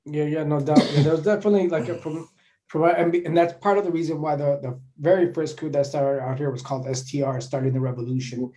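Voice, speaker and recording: A man's voice: fairly high pitch, steady tone, fast talker, dark tone. A middle-aged man from Chicago, a graffiti artist and guest, telling stories in an easygoing, reflective way. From born in Mexico City, raised in Chicago. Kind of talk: casual interview chat.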